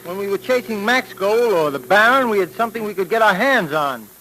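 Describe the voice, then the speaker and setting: A breezy young sidekick cop in an old-time radio drama, with a slightly raised voice and a chatty, slangy, excitable manner. A faint hiss sits under the old broadcast. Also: male voice, high voice, brisk, low-quality recording. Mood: uneasy. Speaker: police partner of the detective. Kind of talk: 1940s radio drama acting.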